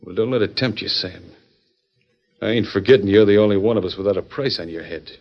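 An actor playing a stern, scheming outlaw gang leader in an old-time western drama, commanding and full of folksy frontier slang. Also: male voice, fairly low pitch, fast. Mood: menacing. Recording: dull lo-fi vintage recording.

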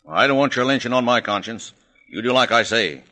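A man playing a stern, commanding Western sheriff with gruff, folksy talk in an old-style drama. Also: mid-range voice, expressive, brisk, pushed and bright. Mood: urgent, commanding. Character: stern Old West sheriff threatening a hanging.

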